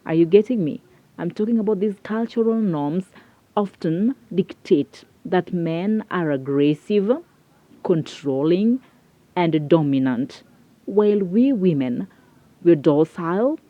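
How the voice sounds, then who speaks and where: A woman hosting her own video channel, talking to camera in an earnest, halting way and often repeating words. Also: fairly low pitch, animated, dry recording, narrow, tinny audio. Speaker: YouTube host. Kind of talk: casual talk to camera.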